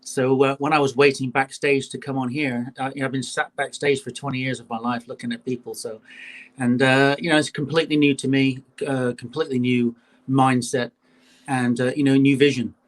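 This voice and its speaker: A man's voice: mid-range voice, flat delivery, brisk. A man, a guest chatting on a call, leaning on "you know" and frequent "uh". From England. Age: 50s. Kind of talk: casual interview on a call.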